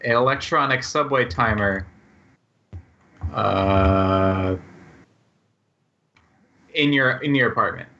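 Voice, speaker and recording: A man's voice: fairly low pitch, slow, long pauses, bright, forceful tone, slight background noise. A man co-hosting a podcast in casual chat, on a slightly dull, lo-fi voice track. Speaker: podcast co-host.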